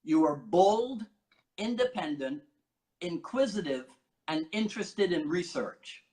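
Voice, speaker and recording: Host: man from Barbados, high voice, playful, teasing. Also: lively intonation, slow pace, a little mellow, poor audio. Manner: playful and teasing, reads notes aloud. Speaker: podcast host. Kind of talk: casual interview questioning.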